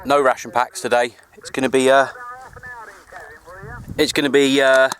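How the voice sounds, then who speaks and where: This amateur radio vlogger has a medium-pitched, slightly bright voice with flat delivery and moderate pace, captured in poor audio. He talks casually with matey slang on a hill, against clear outdoor background noise.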